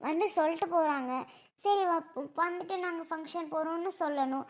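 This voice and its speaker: A woman's voice: very high-pitched, a little fast. A woman playing a young mother in a family drama skit, pleading tearfully with her father.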